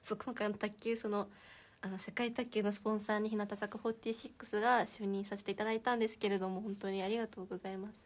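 A woman's voice: mid-range voice, flat delivery, fast. A young woman hosting a casual livestream from indoors, chatting and giggling as she reacts to viewer comments. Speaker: idol livestream host.

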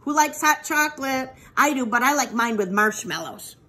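A woman's voice: sits high, animated, normal speed, pushed and bright. A woman teacher reading a picture book aloud to young children, patiently asking them questions and praising their answers. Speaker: preschool teacher.

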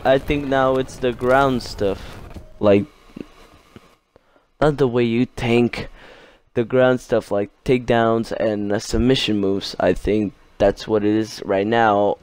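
A man commentating his own fighting-game playthrough in a casual let's-play style, getting excitable and yelling at the game during fights. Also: mid-range voice, slow, clean tone, dry recording. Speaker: gaming commentator.

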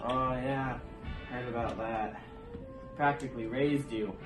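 A man's voice: mid-range voice, steady tone, slow pace, natural voice. A man playing a veteran police officer, an old friend of the detective, talking in a matter-of-fact, laid-back way in a noir radio drama. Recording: echoey room, distant, music behind.

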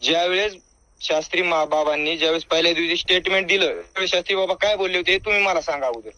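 High-pitched, sharp man arguing by phone. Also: very fast, dry recording. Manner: confrontational, insistent, interrupting, badgering with questions. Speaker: caller confronting the other man. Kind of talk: heated argument on a phone call. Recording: over a phone line, dry. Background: voice on a phone call.

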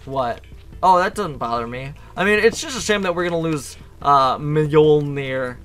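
A man's voice: a little high, moderate pace. Casual young man gaming, music behind. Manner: laid-back, excitable in fights. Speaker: gamer. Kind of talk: co-op gaming commentary. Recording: faint game music behind.

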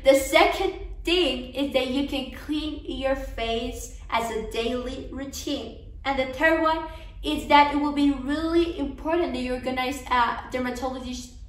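A young adult Colombian woman, serving as conference speaker, delivers a devotional talk to a women's conference in an earnest, encouraging manner with some restarts. Her voice is high-pitched and her pace measured. She sits on a sofa in a living room, recorded from afar by a camera across the room, giving a roomy sound.

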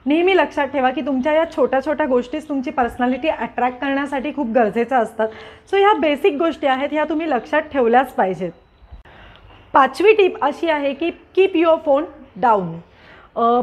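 A woman giving grooming and manners tips to her viewers in an earnest, repetitive way, slipping English words into her speech. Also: sits high. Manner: earnest, repeats points, mixes in English words. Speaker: lifestyle vlogger. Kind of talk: casual advice talk to camera.

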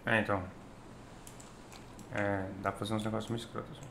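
A man's voice: on the low side, level tone, fairly quick, roomy sound. A man with a Brazilian Portuguese accent chatting casually and giving callouts while streaming a video game. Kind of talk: casual gameplay chat and callouts. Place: small indoor room at home. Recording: clear game noise behind the voice.

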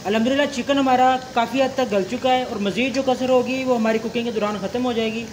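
A man's voice: very high-pitched, fairly even intonation, quick pace, a little hiss or hum. A young man hosting a cooking channel, explaining a recipe step by step in a polite, formal way with religious greetings.

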